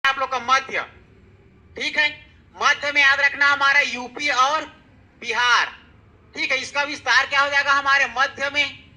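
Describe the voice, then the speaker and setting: High bright-voiced male teacher drilling students. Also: flat delivery, unhurried, long pauses, rough recording. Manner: repetitive, keeps asking students questions and checking with "theek hai". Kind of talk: exam-prep classroom lecture.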